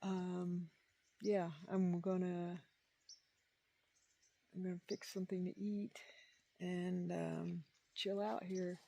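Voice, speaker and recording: A backpacker recording a casual, unscripted video diary outdoors at a lakeside camp, pausing and trailing off between thoughts. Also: mid-range voice, level tone, creaky, dark tone, no echo. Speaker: backpacker vlogging a long trail hike. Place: outdoors at a campsite by a wilderness lake.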